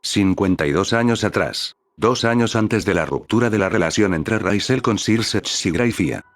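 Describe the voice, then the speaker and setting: Male storyteller, slightly low voice, steady scripted narration. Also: normal speed, no room sound. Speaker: fan fiction narrator.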